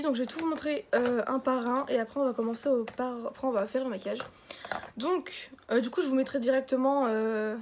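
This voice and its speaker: A woman's voice: fairly high pitch, a little mellow. Chatty young woman reviewing makeup. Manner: chatty, rambling, self-mocking. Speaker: beauty vlogger. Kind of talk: casual makeup review vlog.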